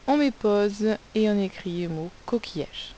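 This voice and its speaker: A woman teacher giving a recorded spelling lesson for young pupils, slowly sounding out words and spelling them letter by letter. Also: mid-range voice, animated, mellow, highs cut off, a little hiss or hum. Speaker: primary school teacher.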